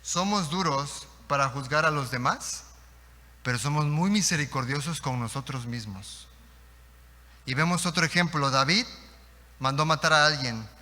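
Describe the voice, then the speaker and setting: A man's voice: fairly high pitch, normal speed. A man with a Mexican accent preaching a sermon as pastor, telling stories with rhetorical questions. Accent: Mexican Spanish. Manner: animated storytelling, rhetorical questions. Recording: echoey church hall.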